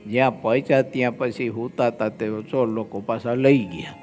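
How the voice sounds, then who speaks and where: A man's voice: mid-range voice, fairly even intonation, darkish tone, soft background music. A man with a Gujarati accent, a swami giving a devotional scripture discourse, telling anecdotes and voicing the people in them. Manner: slow, drawn-out delivery with quoted voices in anecdotes. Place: large assembly hall with long reverb.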